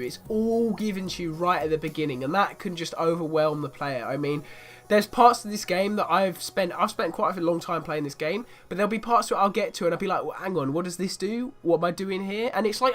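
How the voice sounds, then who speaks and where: A man with a bad cold gives a casual spoken review of a video game in a high-sitting, somewhat bright voice. He's chatty and keeps saying "really, really".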